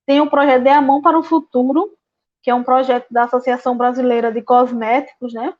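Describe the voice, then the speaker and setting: Woman, slide presentation, lots of fillers, high voice, muffled lo-fi audio. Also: little pitch movement, a little mellow. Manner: frequent "né" and "é" fillers, halting restarts. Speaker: guest speaker on waste management. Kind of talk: slide presentation at a public event. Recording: dull lo-fi sound.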